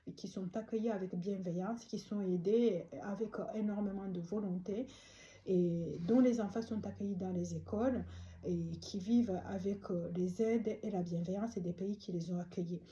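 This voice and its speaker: A woman from Rwanda delivers a prayer and prophetic address in a very dark, mellow voice. She talks haltingly, with many pauses and fillers, yet stays earnest and pleading throughout. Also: medium pitch, steady tone, slight background noise. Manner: halting, with frequent hesitations and fillers. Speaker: speaker delivering a prophetic message.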